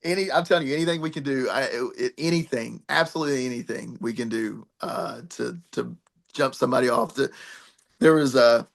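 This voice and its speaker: In a podcast interview, a middle-aged pro wrestler and trainer tells rambling stories full of laughter, now and then letting a swear word slip. His voice is mid-range and creaky, and he talks a little fast.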